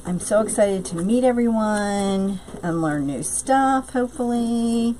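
A woman's voice: mid-range voice, measured pace, noisy background. A middle-aged woman, hosting a casual craft live stream, bubbly and greeting viewers by name.

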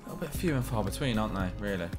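A man's voice: lowish voice, lively intonation, very fast, music in the background. A British man in his twenties hosting a video with casual gaming commentary. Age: 20s. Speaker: gaming YouTube host. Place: small room at home.

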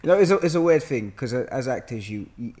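A man in his thirties from Hackney, London, speaks quickly at a medium pitch with a London accent, with slight background noise. An actor appearing as a podcast guest, he tells slangy, joking anecdotes as an animated storyteller in casual conversation, recorded on a boom-arm podcast mic in an indoor studio room with a sofa.

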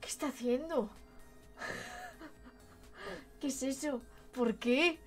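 Female VTuber, Madrid accent. Cute, high, lively swings, expressive casual reactions, light music behind. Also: very slow. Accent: Madrid Spanish. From Madrid, Spain. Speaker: VTuber streamer. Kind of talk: casual livestream reaction commentary.

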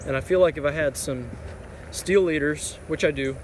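A young man in his twenties talks into a phone camera held at arm's length while fishing beside a creek. His talk is relaxed and rambling, full of fillers. Traffic and road noise hum clearly behind him. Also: fairly high pitch, moderate pace, low-quality recording. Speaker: fishing vlogger. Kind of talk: casual outdoor vlog. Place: outdoors by a creek under a highway overpass. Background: traffic and outdoor ambience.

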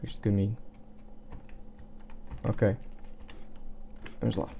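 A young man with a European Portuguese accent chats through a game session. He mutters his moves to himself and breaks into rapid bursts of repeated words when the action heats up. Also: on the low side, level tone, gravelly, dark tone, highs cut off, a little hiss or hum. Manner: chatty, muttering to himself while playing. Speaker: gaming youtuber. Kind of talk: let's play commentary.

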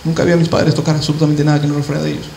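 A male pastor preaching a sermon, quoting scripture and telling personal stories, slowing down and speeding up as he goes. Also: on the high side, flat delivery, vocal fry, mellow, slight background noise. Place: church hall. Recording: echoey church hall.

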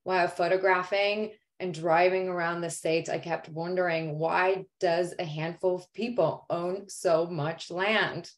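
Steady in tone and measured in pace, her lowish voice barely pauses. She was born in Poland, grew up in Greece, and gives an earnest, explanatory artist talk over video call, dropping in the odd "um."

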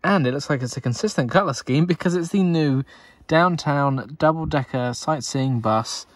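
A man's voice: fairly high pitch, moderate pace, dry recording. Chatty man, dry close sound. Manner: chatty, upbeat, thinking aloud. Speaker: Lego builder and channel host. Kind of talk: casual narration over build footage.

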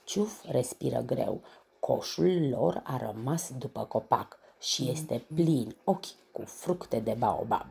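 A woman storyteller reading a children's bedtime story in an expressive, animated way. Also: rumbling low, creaky, breathy edge.

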